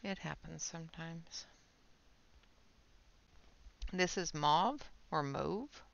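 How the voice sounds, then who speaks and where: A woman giving a casual, unhurried art supply demonstration, half murmuring to herself, with a creaky voice that often trails off softly. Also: deep voice, lo-fi sound, a little hiss or hum.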